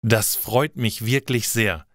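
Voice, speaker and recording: A man voicing a supportive young woman who calms her nervous friend. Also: lowish voice, takes it slowly, no room sound, studio quality. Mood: reassuring. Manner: reassuring.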